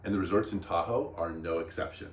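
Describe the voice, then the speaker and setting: A man's voice: low voice, fast, far from the mic, slight background noise. A man hosting a vlog, explaining things in casual chat with an enthusiastic, emphatic manner. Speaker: vlog host. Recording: roomy echo.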